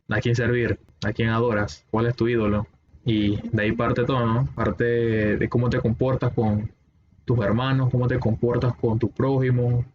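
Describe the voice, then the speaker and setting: Man, reflective and hesitant study participant, noisy muffled line. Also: medium pitch. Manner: reflective, hesitant, with repeated words. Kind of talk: casual Bible study discussion. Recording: muffled lo-fi audio with clear background noise.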